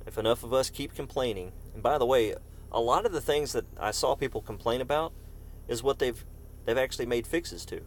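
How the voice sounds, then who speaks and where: A man's voice: mid-range voice, fairly quick. Chatty man streaming a golf game. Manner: chatty, answers chat viewers by name. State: coughing fits. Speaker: gaming streamer. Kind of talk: casual live-stream commentary.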